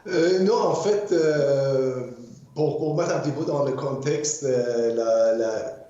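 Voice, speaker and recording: An older man from Iran, a guest artist in an interview, speaking haltingly with many fillers and repeated words. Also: medium pitch, warm tone. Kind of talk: interview conversation. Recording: muffled, very echoey room.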